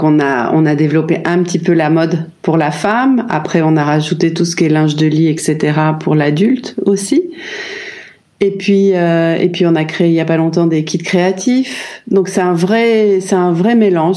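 A woman from France in her fifties talks through her story in an interview. Her voice sits a little low and sounds warm and dark, and she hesitates often, circling back and restarting her sentences. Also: normal speed. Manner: hesitant, many fillers and restarts. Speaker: brand founder, guest. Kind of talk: reflective interview answers.

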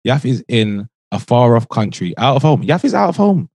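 A man's voice: mid-range voice, very animated, normal speed, darkish tone, dry recording, clean studio sound. A man with an urban London roadman accent, hosting a podcast in casual, bantering street slang. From South London, England. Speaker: podcast host.

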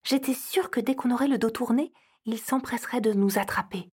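A woman giving expressive scripted narration for an audio story. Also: on the high side, a little fast, husky.

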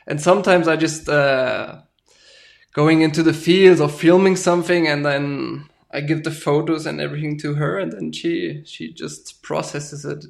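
A man, a farmer guest talking casually and haltingly, often ending with "right?". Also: on the high side, fairly even intonation, gravelly. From Germany. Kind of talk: casual interview talk.

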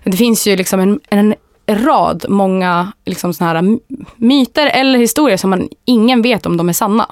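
A woman's voice: medium pitch, hardly any pauses, no room sound, studio quality. A woman with a Stockholm accent telling anecdotes in a frank, colloquial way as a podcast co-host. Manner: frank, colloquial, crude humour. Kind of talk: casual chat, telling anecdotes.

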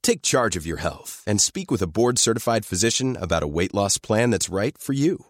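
A man reading a scripted radio-style ad in a smooth promotional voice. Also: on the low side, lively intonation, normal speed, no room sound, clean studio sound. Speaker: ad announcer. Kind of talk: scripted ad read.

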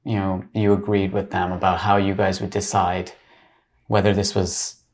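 A man's voice: deep voice, flat delivery, moderate pace, a little mellow. A middle-aged man hosting an interview, asking long probing questions with restarts and plenty of "you know" and "kind of". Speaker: interviewer, podcast host. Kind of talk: conversational interview.

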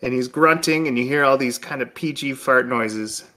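A man co-hosting a casual podcast chat, telling his ideas as animated stories full of fillers. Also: medium pitch, moderate pace. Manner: animated storyteller, lots of "like" and "um". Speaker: podcast co-host.

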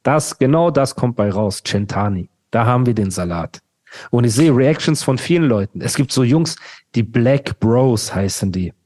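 Slangy, animated man co-hosting a podcast. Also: medium pitch, normal speed. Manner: slangy, animated, frequently says "Bruder". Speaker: podcast co-host. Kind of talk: casual podcast chat.

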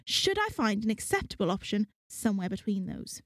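A woman's voice: medium pitch, big pitch swings, fairly quick, dry recording. A woman putting on an exaggerated Welsh accent to read out a listener's letter, playfully. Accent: put-on Welsh.

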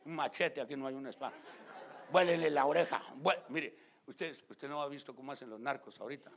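A man preaching a fiery sermon as pastor. He talks straight to the congregation, gets loud and emphatic, and acts out scenes in other voices. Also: mid-range voice, a little fast, vocal fry, a little hiss or hum. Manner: loud and emphatic, often shouting.

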